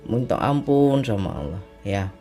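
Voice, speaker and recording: A man with a low, mellow voice telling a religious testimony, unhurried and reflective, circling back over his own phrases. Faint music sits quietly under his voice. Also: expressive. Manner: reflective, repetitive, often ends with "ya kan". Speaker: speaker sharing a personal testimony.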